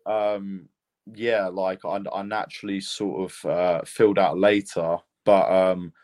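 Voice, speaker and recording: A man's voice: deep voice, flat delivery, a little slow, a little mellow. A young man from Lithuania with a British accent, a fighter telling his story in a casual podcast interview, rambling and laid-back with lots of fillers. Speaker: mixed martial arts fighter, guest.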